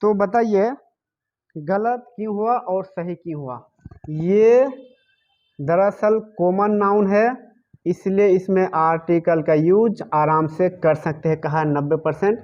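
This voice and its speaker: A man's voice: sits high, slow. A male teacher giving a grammar lesson, asking his class questions and answering them himself, repeating the key words. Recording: dull lo-fi recording.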